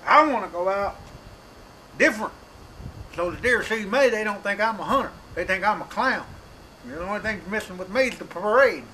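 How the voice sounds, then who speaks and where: Middle-aged man, high-pitched rural drawl, deadpan comic monologue, outdoor mic with wind noise. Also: brisk, low-quality recording. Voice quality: slightly hoarse. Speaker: comedic hunting show host.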